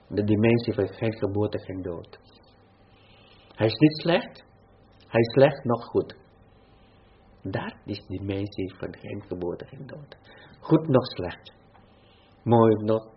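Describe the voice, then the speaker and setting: Husky low-voiced man giving a dharma talk. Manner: slow, repetitive, frequent restarts and fillers. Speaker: Buddhist teacher. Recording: dull lo-fi recording.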